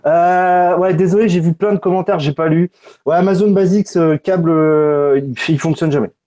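A man's voice: on the high side, fairly even intonation, brisk, warm tone. A man hosting a casual live unboxing stream, loose and joking, swearing casually. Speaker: tech streamer.

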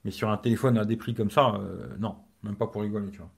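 A man's voice: on the low side, fairly even intonation, quick pace, creaky, slightly rough. A man hosting a casual live stream as a tech reviewer. He talks in slangy, rambling French and keeps adding "tu vois".

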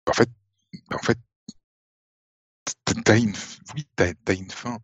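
A man's voice: fairly low pitch, steady tone, slow pace, slight background noise. A man co-hosting a casual live stream, laid-back and blunt in his opinions. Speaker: podcast co-host. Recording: dull lo-fi mic.

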